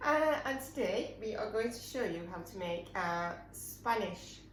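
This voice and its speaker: A woman's voice: mid-range voice, expressive, a little slow. A woman hosting a casual home cooking demonstration with dry humour. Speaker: cooking show host. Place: home kitchen. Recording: home kitchen with clear background noise.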